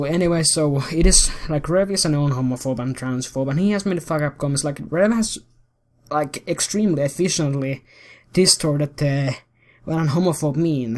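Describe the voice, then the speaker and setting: A man hosting a commentary video, ranting in a heated, profane and rambling way. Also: on the high side.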